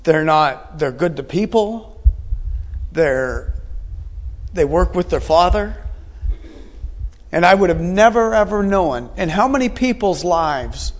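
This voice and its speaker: A man in his forties preaching a sermon in an earnest, repetitive way, asking his listeners questions. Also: fairly high pitch. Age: 40s. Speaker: pastor.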